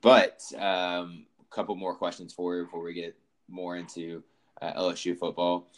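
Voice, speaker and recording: A man hosts a laid-back sports podcast in a very low voice. He asks loose, meandering questions at an easy pace. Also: flat delivery, normal speed. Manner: easygoing, rambling questions. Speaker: podcast host. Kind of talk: casual sports podcast chat.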